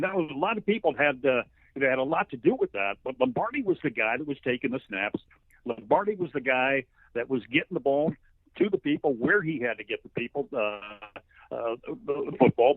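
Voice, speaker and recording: A male play-by-play broadcaster, appearing as an interview guest, gives conversational football analysis in a folksy, halting, emphatic storytelling style. His voice is mid-range with no echo, heard over a thin, narrow, phone-like line.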